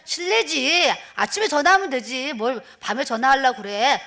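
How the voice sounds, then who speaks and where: A blunt, impatient middle-aged husband pastor who waves off a late-night idea, as a woman quotes him in her sermon. The voice stays high and close to her own. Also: lively intonation, moderate pace, creaky, sharp tone, exaggerated voice. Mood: dismissive.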